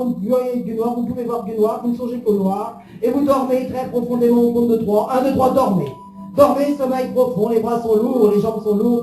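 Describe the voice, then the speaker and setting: A man's voice: very high-pitched, dark tone. A man leading a guided hypnosis session in a soothing, repetitive, suggestive manner. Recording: roomy echo under music.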